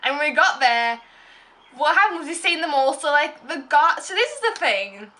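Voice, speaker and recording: Young woman, bright tone, casual rambling vlog talk. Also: high voice, very animated, moderate pace. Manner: rambling, filler-heavy, self-interrupting. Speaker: vlogger. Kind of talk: casual story time.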